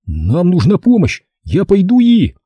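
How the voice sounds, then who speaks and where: A man's voice: high voice, wildly swooping pitch, measured pace, breathy edge, no room sound, lo-fi sound, voice pushed up, full character voice. A man voicing a frightened, stubborn twelve-year-old hunter boy in an audiobook, speaking in an urgent, pleading, tearful way. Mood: anxious pleading.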